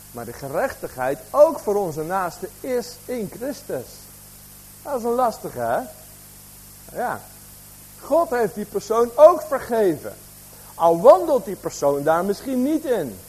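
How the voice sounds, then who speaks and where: A man's voice: high-pitched, darkish tone, slightly rough, rough recording. A man preaching a sermon, asking the congregation questions, with a slight cough.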